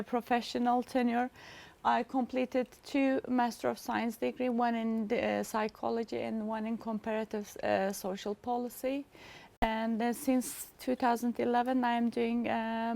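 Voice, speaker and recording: A middle-aged woman gives a formal seminar presentation. Her voice sits a little high with a gravelly fry, and she halts often to find her words. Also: a little mellow. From Turkey. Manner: halting, searching for words with frequent pauses.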